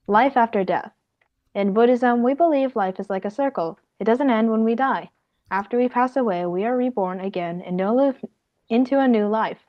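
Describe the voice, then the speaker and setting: A young woman reading out a prepared talk as a student presenter in a class. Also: fairly high pitch. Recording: dull lo-fi sound.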